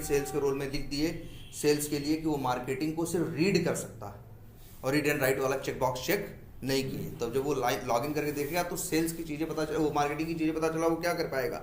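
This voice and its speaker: A man's voice: on the high side, slight background noise. A male instructor giving a classroom lecture, asking his students questions, answering them himself and repeating key terms. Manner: mixes English technical terms into Hindi. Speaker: software testing instructor. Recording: echoey room.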